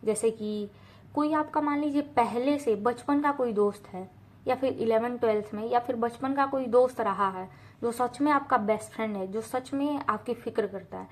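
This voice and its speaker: A woman's voice: fairly high pitch, normal speed. Earnest young woman giving blunt advice. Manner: earnest, direct, mixes in English phrases, repeats for emphasis. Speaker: student advice vlogger. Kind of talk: casual advice talk to camera.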